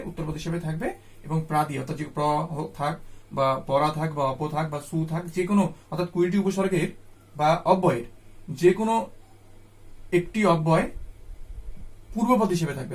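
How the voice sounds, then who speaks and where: A man teaching a grammar lesson to students, patiently repeating each term slowly. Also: high voice. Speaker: Sanskrit teacher.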